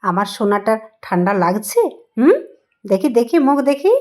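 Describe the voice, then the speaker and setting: A woman playing a mother in a doll role-play vlog, coaxing and affectionate, gently scolding. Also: medium pitch, very animated, moderate pace.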